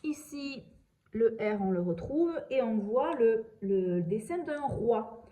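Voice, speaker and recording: A woman teacher giving a slow, patient reading and handwriting lesson to young children, sounding out letters and describing each pen stroke. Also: fairly high pitch, lively intonation, warm tone, rough recording.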